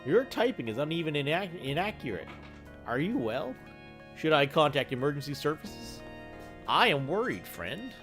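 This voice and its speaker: A man's voice: fairly high pitch, sing-song, moderate pace, fairly bright tone, faint music behind. A man voicing a chirpy, cheerful male AI program with a goofy cartoon-dog sound, friendly and doting, in a let's play. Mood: cheery, worried. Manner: chirpy, sing-song, robotically polite.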